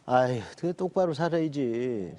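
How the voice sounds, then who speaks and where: Fields: Sex: man. Role: pastor. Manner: animated storyteller. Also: medium pitch, normal speed. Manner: animated storyteller acting out his own quoted words. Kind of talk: personal testimony told in a talk show.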